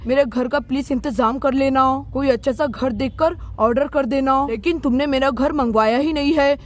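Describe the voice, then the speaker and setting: A woman's voice: sits high, close to an everyday voice. A woman voicing a flustered young groom in a doll story, stammering and pleading. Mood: scolding.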